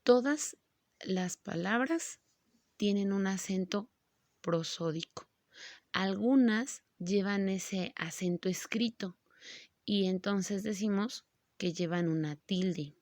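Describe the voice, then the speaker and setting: A woman teacher giving a grammar lesson, speaking slowly and patiently and stretching words out syllable by syllable. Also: medium pitch, darkish tone, dry recording, studio quality.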